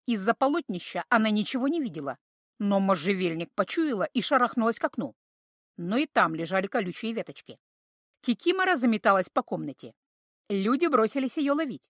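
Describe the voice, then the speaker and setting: A woman narrating a fairy-tale audiobook with expressive, animated reading. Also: fairly high pitch, no echo, studio quality. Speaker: audiobook reader.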